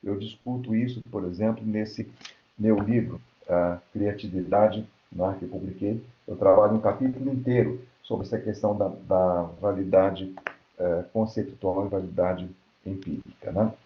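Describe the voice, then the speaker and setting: A man's voice: low voice, fairly even intonation, moderate pace. A Brazilian man giving an academic lecture, explaining step by step and often checking in with "right?". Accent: Brazilian Portuguese. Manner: explanatory, frequent checking tags like "né?" and "certo?". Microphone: computer mic on an online lecture platform. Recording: roomy, dull lo-fi online call audio.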